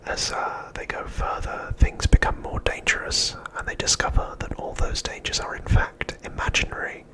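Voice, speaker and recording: A middle-aged ASMR host whispers his narration in an all-breath, unvoiced way, reading gently at a leisurely pace with purposeful pauses. The recording quality is low.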